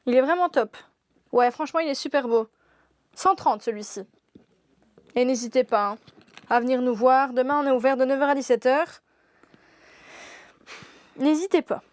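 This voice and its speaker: A woman's voice: high voice, normal speed, pauses often, dry recording. A young woman presenting products in a shop during a live stream, gushing and laughing often.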